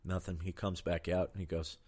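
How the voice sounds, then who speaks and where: A man's voice: deep voice, level tone, a little fast, darkish tone. A young man casually telling jokes to a friend and laughing at his own punchlines. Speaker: comedian trading jokes. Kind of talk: casual joke-telling chat.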